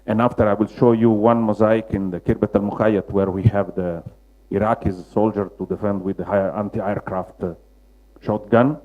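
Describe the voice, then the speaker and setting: A man with a Roman Italian accent gives a public slide lecture, searching for words in halting non-native English. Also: on the low side, fairly even intonation, lo-fi sound. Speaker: lecturer, mosaic restorer.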